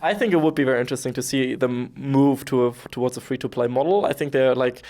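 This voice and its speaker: A man's voice: mid-range voice, fast talker, a little mellow. A young man interviewing a guest, eager and friendly in casual chat. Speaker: interviewer, journalist.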